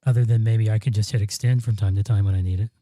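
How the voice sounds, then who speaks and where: On a broadcast dynamic studio mic, a man co-hosting a podcast talks casually and rambles, restarting often and saying um a lot. He has a lowish, warm voice with a steady tone and a quick pace, and there's no echo.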